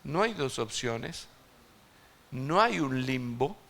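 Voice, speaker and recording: A man preaching an evangelistic sermon to a congregation, emphatic and swinging between loud and hushed, asking his listeners direct questions. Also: medium pitch, lively intonation, slow, creaky. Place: church service before a congregation.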